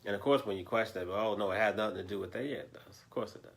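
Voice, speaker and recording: A man hosts a loose political discussion, speaking straight to his audience in a low, gravelly voice. He stops now and then to find his train of thought. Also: very fast. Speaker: host.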